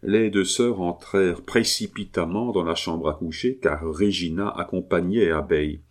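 A man narrating a classic novel in measured, scripted audiobook style. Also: low voice.

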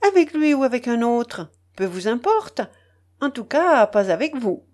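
A woman's voice: on the high side, very animated, unhurried, a little mellow, pitched above the performer's own voice. A woman voicing a haughty young princess. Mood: teasing, imperious. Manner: imperious and mocking. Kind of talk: audiobook character voice.

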